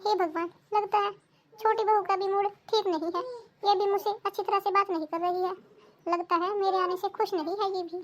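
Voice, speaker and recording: A woman's voice: extremely high pitch, steady tone, moderate pace. A woman voicing a self-pitying old widowed mother-in-law in a cartoon, complaining and lamenting. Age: older. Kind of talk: cartoon voice acting.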